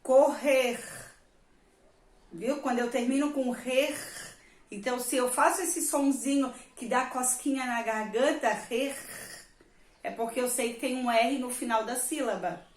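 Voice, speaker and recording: In an echoey classroom, a woman teacher with a highish voice keeps a moderate pace with few pauses. She's patiently explaining a reading lesson to little kids, elongating and stressing the example words and frequently checking in.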